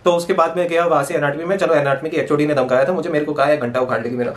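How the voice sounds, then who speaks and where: A man's voice: a little high, steady tone. A man, telling a casual story full of slang and swearing. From Punjab, India. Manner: rapid, slangy, swears freely. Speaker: vlogger, medical student.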